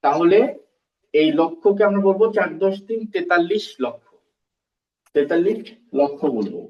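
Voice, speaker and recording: A man's voice: high voice, lively intonation, normal speed. A man teaching a primary school math class, explaining step by step, repeating terms and quizzing his pupils. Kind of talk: recorded classroom math lesson. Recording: roomy, distant and dull-sounding.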